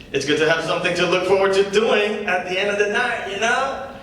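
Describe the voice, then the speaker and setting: Another young man in the student script reading takes on the brash, offhand comedian, his patter relaxed and conversational, full of tag questions. His voice sits high and a bit bright at a moderate pace, captured distantly in a reverberant hall with slight noise.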